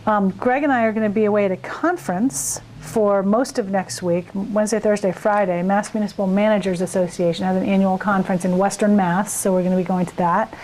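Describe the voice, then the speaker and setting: A woman's voice: medium pitch, steady tone, a little fast, hardly any pauses, darkish tone, slight background noise, low-quality recording. A woman working as a town administrator, giving a casual, plain-spoken community update in an interview.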